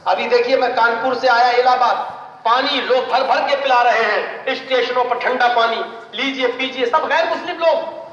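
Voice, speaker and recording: A man's voice: very high voice, normal speed, a bit bright. A male Islamic preacher giving a sermon and telling a story, acting out the voices of its people. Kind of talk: sermon with told stories. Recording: echoey hall from far off, dull lo-fi.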